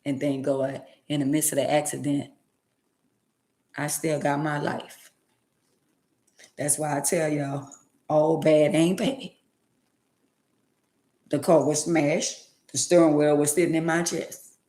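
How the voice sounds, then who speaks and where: A woman's voice: sits low, little pitch movement, slow, long pauses, dark tone, reverberant. A woman around sixty, talking emphatically and repetitively in a preachy, casual way on her livestream. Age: 60s. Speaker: livestream host.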